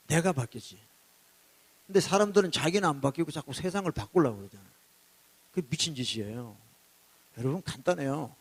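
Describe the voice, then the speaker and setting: A high-pitched male pastor preaching in a church. He tells a personal testimony with lively, emotional storytelling, and at moments it breaks into full shouts. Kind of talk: revival sermon testimony.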